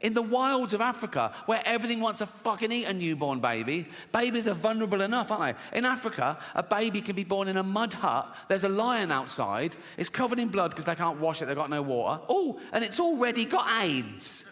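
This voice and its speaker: Sardonic stand-up comedian. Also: male voice, sits high, sing-song, brisk, hardly any pauses, a bit bright. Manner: provocative, sardonic, profane.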